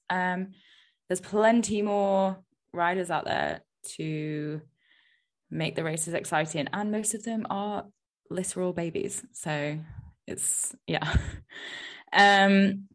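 A woman hosting a podcast with a voice that sits a little low. She chats casually and pokes fun at herself, scattering ums as she goes. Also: slow. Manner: chatty, self-deprecating, filler-heavy. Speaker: podcast host. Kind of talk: casual chat.

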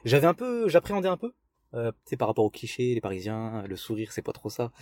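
A man with a Picard accent, a stand-up comedian telling a story in a casual podcast chat, halting with many fillers and restarts. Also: mid-range voice, sing-song, a little mellow. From northern France.

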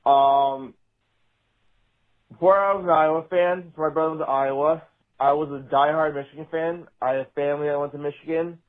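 A man's voice played back from a voicemail sounds tinny and narrow, like it came over a phone line. He rambles in a casual, exasperated way and swears freely. His voice sits a little higher than most men's. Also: fairly even intonation, brisk. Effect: played voicemail message. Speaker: voicemail caller. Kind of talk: casual rant.

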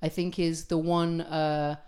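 A woman's voice: low-pitched, flat delivery, takes it slowly, a little mellow. A woman co-hosting a casual podcast chat, chatty, with many fillers and frequent laughs. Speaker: podcast co-host.

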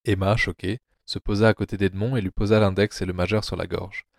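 A man reads a novel aloud as an audio drama in a very low, steady voice. The recording is close and dry, with no room sound. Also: fairly quick, creaky, dry recording. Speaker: narrator.

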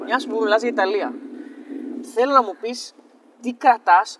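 Podcast co-host, high male voice, playful quizzing, far from the mic outdoors with traffic noise. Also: pushed and bright. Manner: quizzing, teasing. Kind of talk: casual interview questions. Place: football stadium outdoors.

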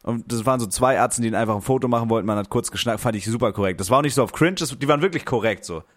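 Young guy cohosting a podcast, crude jokey slang, middle pitch, just chatting. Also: racing. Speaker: podcast co-host. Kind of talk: casual podcast chat.

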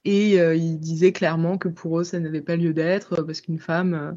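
A woman's voice: low voice, flat delivery, normal speed, mellow. A woman in her twenties talking as a guest on a casual podcast, thoughtful with frequent hesitations. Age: 20s. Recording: slightly muffled audio.

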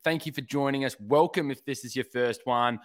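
A man's voice: mid-range voice, brisk. An Australian man co-hosting a sports podcast in casual, chatty style. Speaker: podcast co-host.

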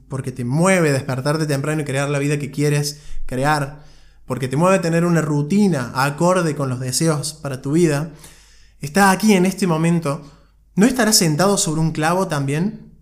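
A man co-hosting a podcast, giving an earnest motivational talk and telling a story, speaking directly to the listener with frequent restarts. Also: on the high side. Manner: frequent restarts and repeated words. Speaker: podcast co-host.

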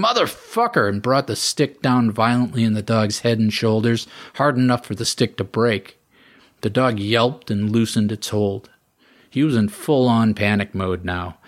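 A man reading his own story aloud as scripted narration, in a steady, measured way. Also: fairly low pitch.

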